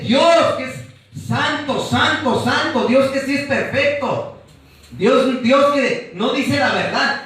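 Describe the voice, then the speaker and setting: A man's voice: high-pitched, fairly bright tone, distant mic. A man with a Mexican Spanish accent teaching a Bible class in a fervent, repetitive preaching style, heavy on slang. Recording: echoey room, voice from afar.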